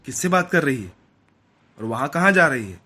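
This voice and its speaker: A man voicing a worried, protective middle-aged mother who gives hushed warnings in a horror story. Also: mid-range voice, sing-song, moderate pace. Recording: voice over loud background music.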